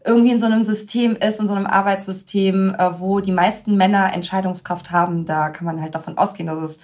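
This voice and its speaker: A woman's voice: mid-range voice, fast. A woman hosting a podcast in casual chat, talking freely and laughing often as she tells stories. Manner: chatty, laughs often, lively storytelling. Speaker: podcast host.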